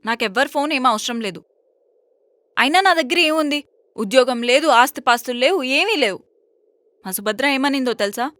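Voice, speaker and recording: A woman's voice: high-pitched, expressive, a bit bright, no room sound. An actress playing a young jobless village woman who scolds but cares. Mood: irritated. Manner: brisk, bossy and scolding. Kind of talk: romantic comedy web series acting.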